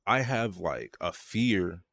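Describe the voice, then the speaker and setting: Deep-voiced man telling a rambling story. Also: very animated, slow, vocal fry, fairly bright tone. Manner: loose, rambling, many fillers. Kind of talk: casual story time.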